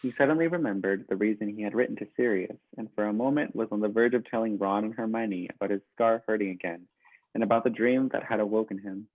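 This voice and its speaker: A man narrating a storybook in a steady, even read-aloud. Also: fairly low pitch, quick pace, no echo, narrow, tinny audio.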